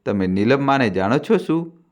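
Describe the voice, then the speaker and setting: Boy figure, scared and pleading, voice pitched up, as a male narrator puts him on. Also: lively intonation, moderate pace, close to an everyday voice. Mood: anxious pleading. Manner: pleading, hesitant questions. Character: frightened curious young boy.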